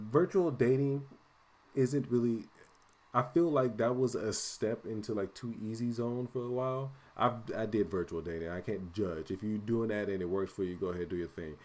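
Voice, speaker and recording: A man's voice: on the low side, darkish tone. A man in his late twenties co-hosting a podcast, chatting casually and cursing, rambling with lots of fillers. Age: late 20s. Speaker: podcast co-host. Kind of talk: casual chat.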